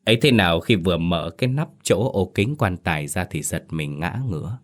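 A man narrates a horror story in a steady, grave voice. His pitch sits very low and deep. The telling is measured and serious.

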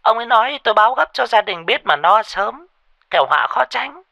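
A frantic middle-aged sorcerer's wife, put on by a male narrator, urgent and shrill. Her voice leaps high and swoops widely with a gravelly edge. Recorded dry and close. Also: sing-song, fairly quick, sharp tone, dry recording, full character voice. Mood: urgent warning. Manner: urgent, high-pitched warning. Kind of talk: ghost story narration.

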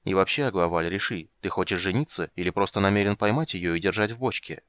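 A man voicing a weary, patient monster hunter who speaks calmly and dryly. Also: low-pitched, fast, no room sound.

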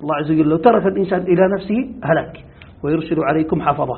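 A man's voice: on the high side, rapid-fire. A man, a sheikh, teaching Quran commentary and explaining points to his students. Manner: explains and adds points, ending with a confirming word. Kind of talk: explanatory religious lesson. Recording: tinny phone-like lo-fi audio.

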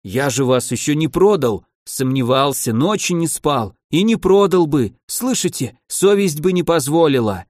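Cowardly fat merchant, high strained wail, slow desperate pleading; man voicing. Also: animated, a little mellow, no room sound, studio quality. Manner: wailing, pleading, hysterical. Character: frantic fat wealthy male caravan merchant.

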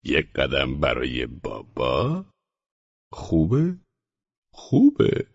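A man's voice: very deep voice, wildly swooping pitch, gravelly, husky, dry recording, muffled recording, full character voice. A man voicing a cruelly sarcastic male neighbor who mocks a helpless captive in an audiobook. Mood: mocking. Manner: sneering and mock-soothing, slow in parts.

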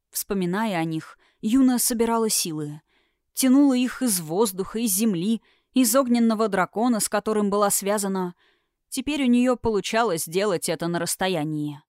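A woman narrating a fantasy audiobook in a dramatic, expressive way, getting louder at tense moments. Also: mid-range voice, normal speed, no room sound, clean studio sound.

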